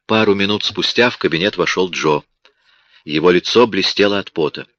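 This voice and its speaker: Deep-voiced male audiobook narrator. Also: normal speed, a bit bright, no room sound. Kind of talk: scripted crime-novel narration. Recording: dull lo-fi audiobook recording.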